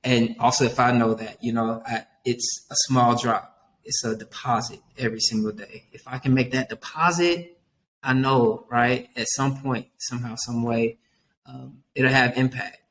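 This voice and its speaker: A man's voice: mid-range voice, normal speed, poor audio. Earnest man telling stories animatedly. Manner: earnest, animated storytelling, often says "man". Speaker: youth worker guest. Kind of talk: casual podcast interview.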